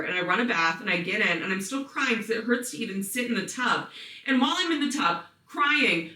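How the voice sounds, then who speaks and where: A woman's voice: fairly high pitch, pushed and bright, far from the mic. A woman hosting a podcast, reading listener stories aloud in casual story-time style, blunt and profane with chatty asides. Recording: roomy sound, voice set back from mic.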